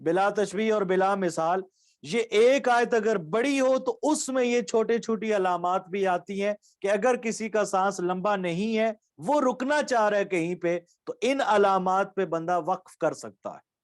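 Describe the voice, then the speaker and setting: A high-pitched Pakistani man teaches Quran recitation in an online lecture. He explains the rules patiently, repeating key points and examples.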